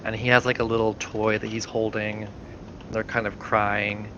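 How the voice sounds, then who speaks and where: A man's voice: fairly low pitch, little pitch movement, moderate pace, lo-fi sound, background noise. A man narrating a tabletop game as game master, hesitant and full of fillers.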